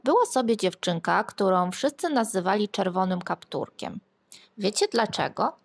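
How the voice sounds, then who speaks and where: A woman reading a fairy tale aloud to children, expressive and lilting, sometimes asking the listeners questions. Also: mid-range voice, moderate pace, slightly rough. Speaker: storyteller.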